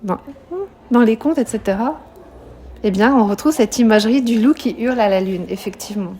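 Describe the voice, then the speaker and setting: Woman, French teacher, live classroom lesson, voice slightly high, explains and questions the students. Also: a little fast, mellow, slight background noise. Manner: explanatory, questions students, frequent "hein" tags.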